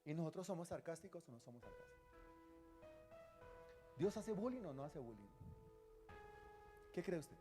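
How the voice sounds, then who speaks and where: High-voiced, teasing pastor. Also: male voice, normal speed, long pauses, music in the background. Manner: lively, teasing, asks the congregation questions. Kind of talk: sermon.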